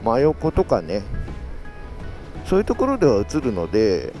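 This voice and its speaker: A man's voice: medium pitch, huge pitch swings, normal speed, mellow, soft background music. A man chatting casually as a solo motovlogger, talking from inside a full-face motorcycle helmet into an action-camera mic. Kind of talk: casual solo vlog chat while riding. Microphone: action camera with external mic adapter.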